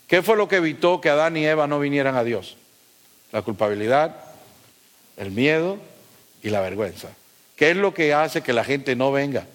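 This middle-aged pastor's sermon moves from loud climaxes down to low asides as he emphatically asks the congregation rhetorical questions.

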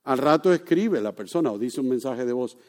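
A pastor preaching a sermon built on personal stories. He talks casually and asks the congregation questions, then turns loud and emphatic when he drives his point home. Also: medium pitch, lively intonation, fairly quick.

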